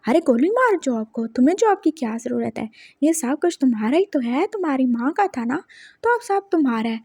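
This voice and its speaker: A woman voicing a wealthy, lonely old grandfather who is gruff and emotional in a spoken story. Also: high voice, big pitch swings, a little fast, darkish tone, no echo, clean studio sound, exaggerated voice. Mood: overjoyed. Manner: scolding then doting.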